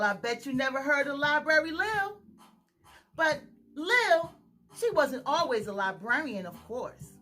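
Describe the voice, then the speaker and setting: A woman with a high, somewhat bright voice hosts a children's storytime; she is also an author. She reads aloud in an exaggerated singsong and asks questions of her young listeners.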